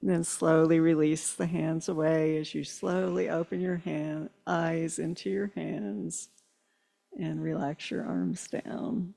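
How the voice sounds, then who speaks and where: A woman leads a guided meditation in long, soothing phrases. She speaks very slowly, with a strongly gravelly voice. Her tone is dark and mellow. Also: low-pitched. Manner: slow, soothing, drawn-out phrases. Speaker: meditation leader.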